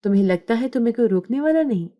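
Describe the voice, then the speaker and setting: A woman voicing a spiteful young sister-in-law who shouts accusations in a shrill voice. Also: lively intonation, close to an everyday voice. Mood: furious.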